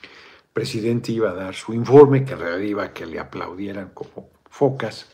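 A man's voice: lowish voice, normal speed, warm tone. A middle-aged man with a Mexican accent, a politician giving casual, blunt political commentary in a video chat, swearing freely and wandering off into digressions.

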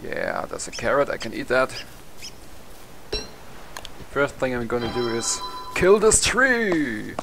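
Slow and sing-song, with a gravelly mid-range voice and frequent pauses, a young man with a German accent rambles through casual let's play commentary in English, which isn't his native language. He swears and laughs at himself while game music plays behind.

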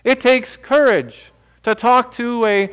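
A middle-aged male pastor preaching a sermon in a church, earnest, with dramatic pauses and soft drops. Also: very high voice, clean tone. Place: church sanctuary before a seated congregation. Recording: tinny phone-like audio.

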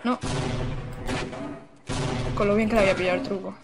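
A woman's voice: mid-range voice, fairly even intonation, fairly quick, noisy background. A young woman from Barcelona streaming a video game live, chatting with viewers in a casual, exclamatory, giggly way, speaking into a desk mic indoors. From Barcelona, Spain. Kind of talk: casual live-stream chat while gaming. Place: indoor room.

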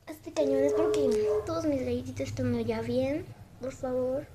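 A woman's voice: high voice, fairly even intonation, unhurried. A young woman with a Mexican Spanish accent, shaken and trembling, retelling what just happened to her camera in a breathless, repetitive way. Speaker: vlogger. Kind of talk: shaken casual vlog to camera. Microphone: handheld camera mic. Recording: noisy home recording.

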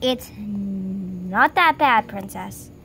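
A woman's voice: mid-range voice, animated, extremely slow, a bit bright, pitched below the performer's own voice, full character voice. A woman voicing a patient but firm male horse in amateur toy role-play, reasoning and placating. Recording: noisy handheld outdoor recording.

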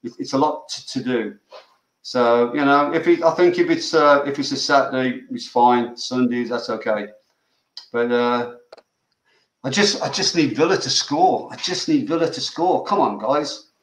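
A man's voice: mid-range voice, moderate pace, roomy sound, low-quality recording. An older grandfather, chatting casually and urging the players on during a live football reaction. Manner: chatty, restarts sentences, urges the players on. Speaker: grandfather co-watching the match.

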